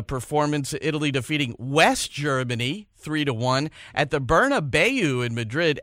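A man's voice: a little high, bright, forceful tone, no echo, studio quality. A man hosting a radio interview and introducing his guest. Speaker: radio host.

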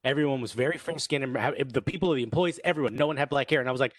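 A man's voice: medium pitch, very fast, no echo. New york guy co-hosting a chat, acts out quotes, dry close sound. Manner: animated storytelling, acts out quoted voices. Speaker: podcast co-host. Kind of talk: casual chat.

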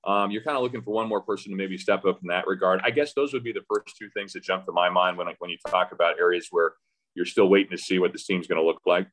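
On poor-quality audio, a man with a low-pitched, steady, slightly bright voice talks fast. He's a radio play-by-play announcer guesting on a podcast, discussing the game casually, hesitantly, and conversationally, with frequent false starts as he works through his thoughts.

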